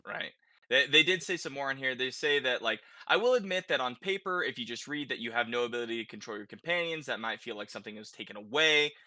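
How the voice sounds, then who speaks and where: Hosting a relaxed gaming podcast, a man speaks in a very bright, forceful medium-pitched voice with lively intonation, often tacking a quick check-in onto his remarks. It's recorded dry and close, with no room sound.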